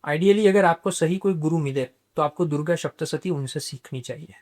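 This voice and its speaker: A man, a guest on a podcast, explaining spiritual practice in a measured way and dropping English terms into his talk. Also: fairly high pitch, a little mellow.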